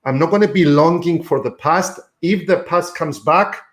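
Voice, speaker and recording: Higher-pitched man coaching on a live stream. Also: moderate pace. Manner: coaching, instructive, with fillers. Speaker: host and sales mentor. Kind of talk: live-streamed mentoring talk. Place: home room.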